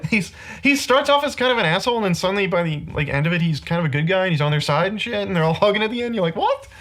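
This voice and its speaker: A man's voice: sits high, lively intonation, very fast, a bit bright. Ranting man with a raised voice. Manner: ranting film critique, heavy use of "like". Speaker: podcast host. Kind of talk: casual podcast chat.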